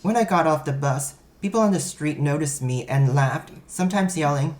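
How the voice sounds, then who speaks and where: A man's voice: a little high, normal speed. A man reading a first-person story aloud, in a wry, self-mocking storytelling manner. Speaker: narrator.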